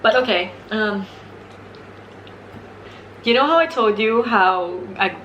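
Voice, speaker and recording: A woman's voice: mid-range voice, animated, slow pace, highs cut off, slight background noise. A young woman chatting casually and candidly as a mukbang host, giggly and swearing freely. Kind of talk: casual real-talk chat over a meal.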